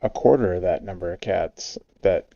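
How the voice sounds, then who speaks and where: A man chatting casually on a stream, telling a relaxed story with fillers. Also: sits low, moderate pace, creaky, no room sound, lo-fi sound. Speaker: stream guest. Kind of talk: casual chat.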